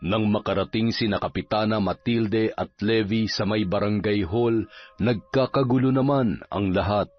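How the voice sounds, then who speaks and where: A man giving steady, measured narration for a scripted horror story. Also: lowish voice. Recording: slightly dull recording with music underneath.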